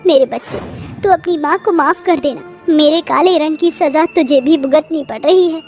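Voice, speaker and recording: A woman voicing a meek, gentle young pregnant wife in a cartoon story. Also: high voice, normal speed, faint music behind. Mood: pleading. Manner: pleading, soft.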